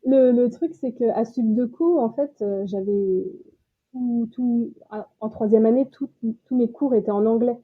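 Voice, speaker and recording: A French woman in her late thirties chats as a podcast guest over a tinny, phone-like line. Her voice sits fairly high and sounds a little husky. She talks loosely, with plenty of fillers and restarts. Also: unhurried. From France. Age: 30s. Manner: chatty, many fillers and restarts, laughs easily. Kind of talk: casual interview chat.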